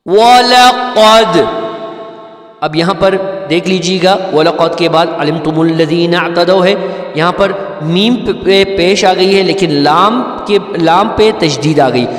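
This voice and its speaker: A man teaching Quran recitation rules, explaining each point patiently and then chanting verses slowly and melodically. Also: fairly high pitch, roomy sound, long reverb tail. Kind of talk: tajweed lesson with chanted recitation.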